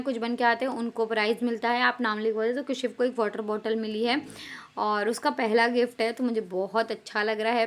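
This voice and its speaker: Chatty woman vlogger, fairly high voice. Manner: chatty, mixes English words into Hindi. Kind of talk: casual chat to camera.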